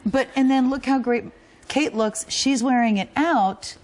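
A woman's voice: high voice, unhurried. Gushing woman home shopping host. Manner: gushing, repeats phrases for emphasis. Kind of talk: live home shopping sales chat. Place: TV shopping studio.

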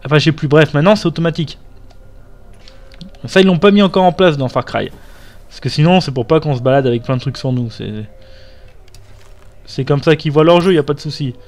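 Young male gamer, casual commentary, slightly high, profane asides. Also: a little fast, long pauses, darkish tone. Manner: casual, swearing, chatty asides. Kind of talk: let's play commentary.

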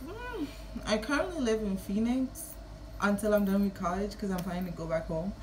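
A woman's voice: mid-range voice, brisk, background noise. A woman in her early twenties with a Kittitian-Nevisian Caribbean accent, chatting casually and playfully to camera. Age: early 20s. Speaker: vlogger. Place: small room at home.

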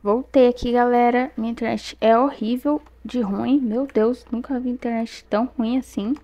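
Excitable Brazilian woman gaming youtuber. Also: on the high side, normal speed, muffled recording. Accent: Brazilian Portuguese. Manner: chatty and excitable, often exclaims to viewers. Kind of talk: casual gameplay commentary.

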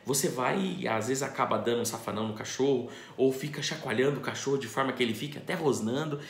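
A man with a medium-pitched voice and some vocal fry talks fast. He's a dog trainer explaining puppy training to the camera, posing questions and answering them himself. The room he's in is echoey.

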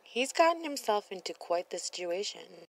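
A woman's voice: medium pitch, very animated, moderate pace, gravelly, poor audio. A woman commenting on a reality show in a sassy, blunt voice-over, swearing freely. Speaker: reaction video host.

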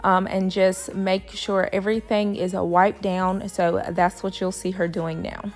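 A woman's voice: mid-range voice, flat delivery, a little slow, soft background music. A young woman giving a casual voice-over for her home cleaning vlog, musing aloud with plenty of filler words. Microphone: voice-over, not recorded in the pictured kitchen.

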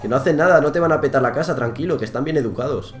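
A man's voice: medium pitch, very fast, music in the background. A young man with a Spain Spanish accent, teasing another player in casual gaming chat. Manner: teasing, mock-friendly. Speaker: youtuber pranking a player.

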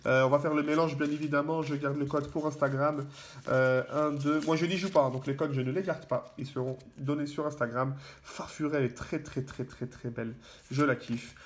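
A man giving casual, excitable commentary as he opens trading card packs, full of fillers and repeated words. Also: medium pitch, moderate pace.

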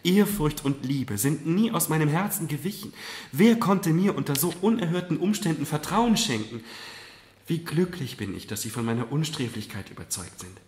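A man voicing an anxious young noblewoman in a dramatic literary reading, with high pleading cries. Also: expressive, a little fast, few pauses, close to an everyday voice. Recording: roomy live reading hall.

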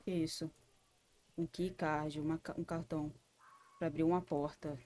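A woman's voice: deep voice, flat delivery, moderate pace, warm tone. A Brazilian woman streaming a horror game, jumpy and scared, swearing often and talking to herself. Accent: Brazilian Portuguese. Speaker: gaming streamer. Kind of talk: live gaming commentary.

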